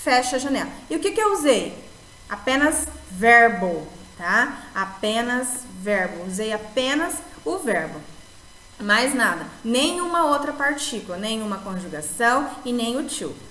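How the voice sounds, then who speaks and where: A woman's voice: on the high side, sing-song, fairly bright tone. Brazilian woman teaching English, echoey room. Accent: Brazilian Portuguese. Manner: explains slowly, repeats points, ends phrases with "tá?". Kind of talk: recorded video lesson.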